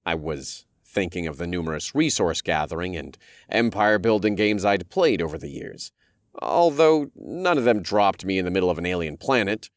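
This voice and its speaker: Male audiobook narrator, very deep, lively delivery, dry close studio sound. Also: moderate pace, no echo. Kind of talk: first-person audiobook narration.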